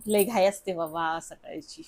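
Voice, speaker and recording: A woman's voice: mid-range voice, unhurried, a little mellow. A young woman, chatting casually through a family vlog at home and coaxing her child along. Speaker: vlogger and mother.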